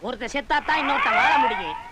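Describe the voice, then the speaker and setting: A man's voice: very high voice, huge pitch swings, very fast, heavily acted. A sly, whining henchman. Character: scheming male assistant to the sorcerer. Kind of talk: film comedy dialogue. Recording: old film soundtrack with faint hiss.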